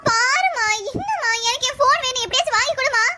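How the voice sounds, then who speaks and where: A woman's voice: very high-pitched, expressive, fast talker, very noisy. A woman voicing a defiant, sulky teenage daughter in a family skit.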